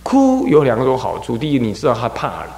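A man from Taiwan, a Buddhist abbot, gives an animated dharma lecture and acts out scolding parents and crying children. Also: medium pitch, fairly quick. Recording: echoey hall with long reverb.

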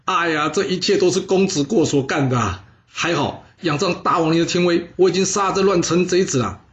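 A man's voice: high voice, a little fast, muffled recording, voice pushed up, natural voice. A man voicing a scheming, wheedling ancient prince in a told story. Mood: fawning. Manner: wheedling, sly. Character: scheming, fawning ancient prince, male adult.

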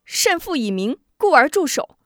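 A woman's voice: sits high, very animated, normal speed, dry recording, studio quality, voice pushed up. A woman storyteller voicing a clever, humble young male fighter who speaks earnestly and deferentially. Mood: earnest, urgent.

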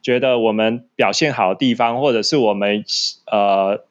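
A man's voice: on the low side, moderate pace, lo-fi sound. A man with a Taiwanese Mandarin accent talking casually in a conversation. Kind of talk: casual chat.

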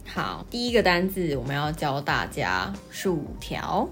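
A woman's voice: low-pitched, huge pitch swings, measured pace, a bit bright, faint music behind. A woman from Taiwan co-hosting a casual chat about British words, talking easily and laughing often. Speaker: co-host. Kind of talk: casual language-lesson chat.

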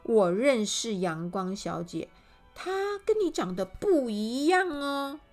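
Woman playing a jolly party guy, loud and exclaiming, high and bouncy, slow storybook pace. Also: sing-song, soft background music. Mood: excited. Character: cheerful man who loves parties.

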